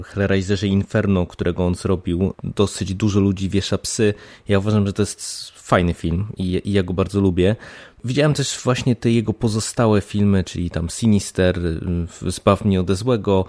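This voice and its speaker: A man's voice: on the low side, darkish tone. A man co-hosting a film podcast, chatting casually and often searching for words. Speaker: podcast co-host.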